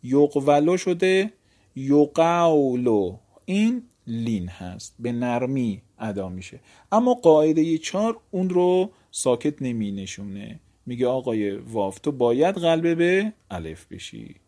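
A male teacher with a mellow, warm tone works through a grammar lesson. He explains each rule patiently, poses rhetorical questions and gives the letters voices of their own. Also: mid-range voice, very animated.

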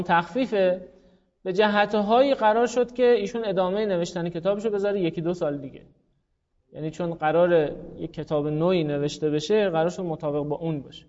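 High-voiced man teaching a class. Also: a little mellow. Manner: explains step by step with rhetorical questions to students. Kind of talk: classroom lecture. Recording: dull recording in a reverberant room.

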